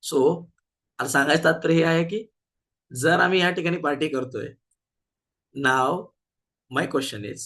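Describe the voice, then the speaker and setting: A man with a medium-pitched, somewhat bright voice teaches physics, mixing Hindi, English and Marathi. He regularly stops to quiz the class with questions.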